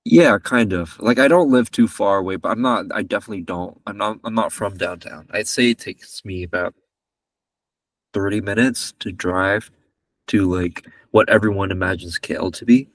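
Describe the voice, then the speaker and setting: A man's voice: fairly low pitch, moderate pace, no room sound, distant mic. A man in his twenties from Malaysia, a podcast guest chatting casually in a rambling, joking way that keeps correcting itself. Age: 20s. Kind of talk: casual chat.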